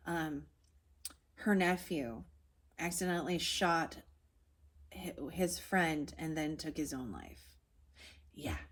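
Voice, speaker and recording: Woman in her 40s doing a chatty tarot reading, kinda low voice, lots of ums and likes. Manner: rambling, with frequent fillers and restarts. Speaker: tarot reader. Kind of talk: casual spoken tarot reading.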